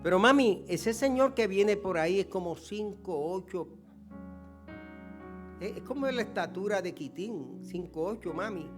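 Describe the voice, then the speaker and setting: A man's voice: high voice, animated, measured pace, music in the background. A pastor voicing a nervous young male donkey colt who keeps crying out to his mother. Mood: worried. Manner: plaintive, repeatedly calling for his mother.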